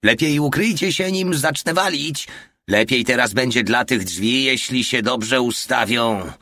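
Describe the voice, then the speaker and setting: A man voicing a loud, brash German soldier who drives a tank, his delivery raised and boisterous. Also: mid-range voice, steady tone, measured pace, pitched above the performer's own voice. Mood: brash shouting.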